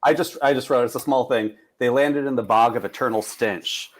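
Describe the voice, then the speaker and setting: A man's voice: medium pitch, brisk, a little hiss or hum. Easygoing podcast co-host man. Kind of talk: casual rewatch podcast chat.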